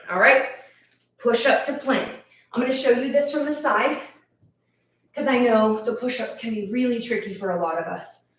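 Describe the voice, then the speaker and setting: A woman leading a live workout class, counting reps and cheering people on while out of breath. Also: a little high. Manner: encouraging, counts reps aloud. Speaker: fitness instructor. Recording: echoey room, voice from a distance.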